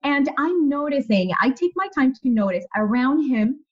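Outspoken woman in her forties, higher voice, lively candid anecdotes, dull lo-fi recording. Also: normal speed. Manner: candid, animated storyteller who swears freely. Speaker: guest. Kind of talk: casual interview conversation. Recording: muffled lo-fi audio.

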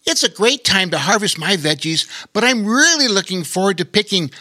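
A man voicing a cheerful young male otter with a high, bubbly, eager voice in a storybook reading. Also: animated, brisk, bright, forceful tone, no room sound, studio quality, heavily acted. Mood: excited.

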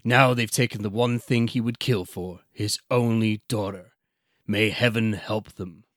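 A man doing a dramatic movie trailer narrator voice, slow and booming, in a podcast chat. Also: steady tone, fairly bright tone, no echo, studio quality. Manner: slow, dramatic, deep announcer delivery.

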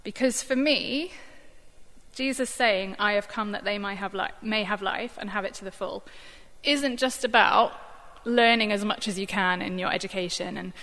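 Woman, bright tone, informal sermon with lots of fillers, long reverberant hall. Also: mid-range voice, normal speed. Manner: conversational, thoughtful, many fillers. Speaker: church staff member giving a Bible reflection.

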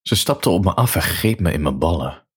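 Man, very low voice, husky, first-person audiobook narration, dry delivery. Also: animated, moderate pace.

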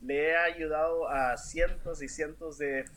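Brief: male interview guest, slightly high voice, slow earnest storytelling with restarts. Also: fairly even intonation, a bit bright. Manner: earnest, emphatic, stumbling restarts. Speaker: interview guest, real estate agent. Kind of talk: personal storytelling in a podcast interview.

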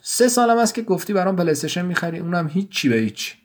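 An angry sixth-grade boy, as a male narrator puts him on, his voice pushed up high and tight. He pleads and accuses in a bitter, tearful rush, straight out of a spoken audio story. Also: lively intonation. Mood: pleading, resentful.

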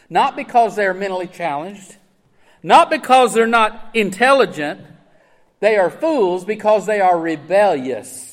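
A man's voice: high voice, long reverb tail. A man preaching a sermon, earnest and emphatic, asking his listeners rhetorical questions. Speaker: pastor.

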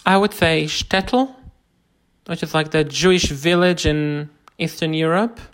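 An Israeli man, a podcast guest, speaks English with a native Hebrew speaker's accent. He explains things informally in halting, hesitant phrases, and his voice is a little high and a bit bright.

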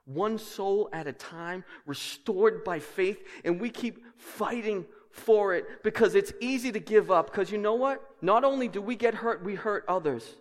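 A man's voice: sits high, unhurried, hardly any pauses. A man preaching a sermon as a pastor, with emphatic, repetitive phrasing and rhetorical questions. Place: large indoor church hall. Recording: echoey hall with long reverb.

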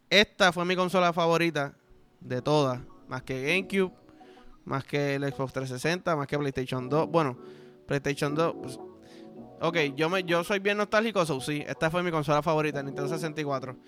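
A man's voice: a little high, moderate pace, soft background music. A man in his thirties with a Puerto Rican accent, hosting a podcast and telling crude jokes in casual solo chat. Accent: Puerto Rican Spanish. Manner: crude, joking, animated storytelling. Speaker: podcast host.

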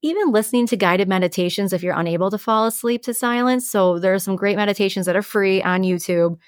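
A podcast co-host gives sleep tips, offering advice informally and conversationally and explaining through everyday examples. She talks fast in a mid-range voice, with studio-quality audio and no room sound.

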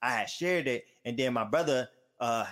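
A man chatting casually, telling stories with slang and acting out what people said in lively voices. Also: medium pitch, normal speed. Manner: animated storytelling, slangy, acts out quotes. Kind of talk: casual chat.

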